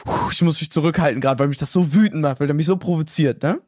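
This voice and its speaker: Young man, podcast co-host, slightly high voice, dry close sound, slangy, excitable. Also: fast, no room sound. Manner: slangy, excitable, acts out quotes. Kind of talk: casual chat.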